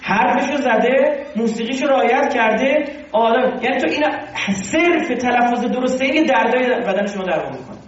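A man giving an informal religious lecture, animated and conversational, full of rhetorical questions. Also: very high voice. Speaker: religious teacher. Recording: very echoey, distant and dull.

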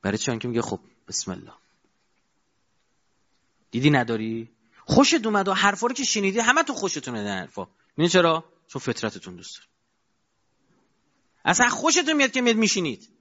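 A man giving a colloquial sermon, asking his audience rhetorical questions and moving between loud and quiet stretches. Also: high-pitched, wildly swooping pitch, pauses often. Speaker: preacher. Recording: dull lo-fi recording.

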